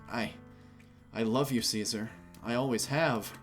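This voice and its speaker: A man reading aloud the lines of a shy, troubled young woman in love, soft and halting. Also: medium pitch, soft background music, natural voice. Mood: tender. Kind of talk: reading game dialogue aloud.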